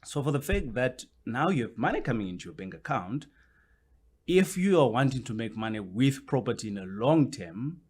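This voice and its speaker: A man's voice: mid-range voice, lively intonation, moderate pace, a little mellow, slightly rough. A man, a guest on a podcast interview, explaining his points at length and often circling back with "which basically means".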